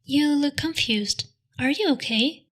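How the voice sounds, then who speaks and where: A man voicing a gentle, kind young woman in a children's storybook, speaking softly. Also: very high voice, measured pace, pitched above the performer's own voice. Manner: soft and gentle.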